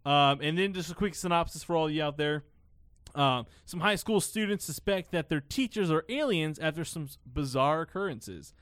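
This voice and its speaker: A young man hosts a laid-back film podcast in a slightly high voice, sliding between excitement and filler words. He swears freely. The sound is dry and close. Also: normal speed, smooth, no echo. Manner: excitable, swears a lot, lots of "like". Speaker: podcast host. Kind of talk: casual chat.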